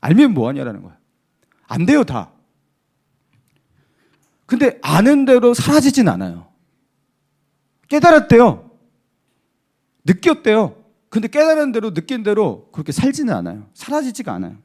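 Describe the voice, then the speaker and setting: Animated high-voiced preaching pastor. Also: male voice, normal speed, pauses often. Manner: emphatic preaching with rhetorical questions to the congregation. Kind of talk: sermon.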